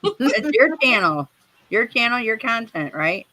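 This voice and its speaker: Bright-voiced, friendly woman. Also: fairly high pitch, sing-song, a little slow, slight background noise, rough recording. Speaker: guest in the chat. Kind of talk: casual chat.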